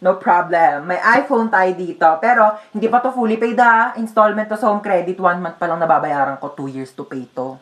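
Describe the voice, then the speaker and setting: A woman's voice: fairly low pitch, a little fast, hardly any pauses, fairly bright tone. A woman performing comic skits in Filipino, switching playfully between characters. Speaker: comedy sketch performer. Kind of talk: comic skits playing many parts.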